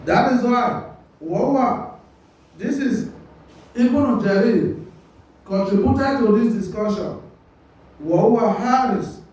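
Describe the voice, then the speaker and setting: A man's voice: very high-pitched, slow pace, pauses often, darkish tone. A man giving a religious lesson who reads a passage, explains it line by line and quizzes his listeners with rhetorical questions. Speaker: Quran commentary teacher. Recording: very echoey hall, mic far off.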